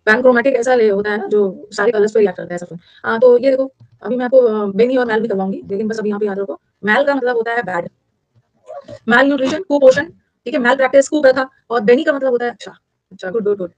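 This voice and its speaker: A fast-talking woman with an Indian accent leads an online vocabulary lesson aimed at exams, repeating key words, quizzing her students and mixing English into Hindi in a chatty style. Her voice is on the high side and a little mellow. The audio is dull, with no echo.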